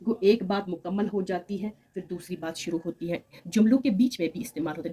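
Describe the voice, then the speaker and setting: A woman's voice: lowish voice, dark tone, husky. A woman teaching Urdu grammar with an Urdu accent, explaining patiently and speaking examples aloud. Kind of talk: recorded grammar lesson.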